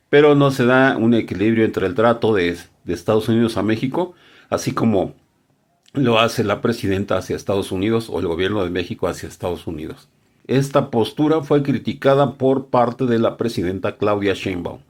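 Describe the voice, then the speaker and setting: A man delivering conversational news commentary, often pausing with hesitations. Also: lowish voice.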